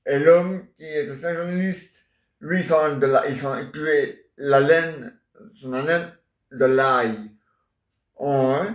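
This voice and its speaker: A man retelling and acting out a stage comedy in a halting, playful way, full of restarts. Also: on the high side. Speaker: theatre amateur. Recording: roomy sound from a distant mic.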